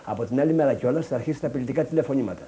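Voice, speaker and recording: A family member recounting events in an agitated way, quoting what others said. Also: male voice, mid-range voice, lively intonation, warm tone, slight background noise.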